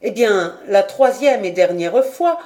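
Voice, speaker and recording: Picture an excitable, learned male geographer from an old adventure novel, pressing his theory with eager emphasis, as a woman reading the audiobook puts him on. The voice is mellow and unhurried, pitched a little raised when he gets carried away.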